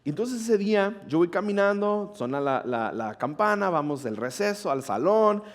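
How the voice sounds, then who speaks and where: Mexican pastor telling a chatty story. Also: male voice, sits high, normal speed. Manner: chatty, animated storytelling, asks the audience often. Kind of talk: sermon with a personal story. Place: church hall.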